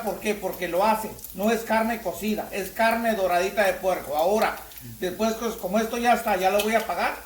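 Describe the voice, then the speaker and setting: A man's voice: high-pitched, slight background noise. A man giving a folksy cooking demonstration at his stove, coaxing the viewer step by step. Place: home kitchen by the stove. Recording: echoey kitchen with frying sizzle.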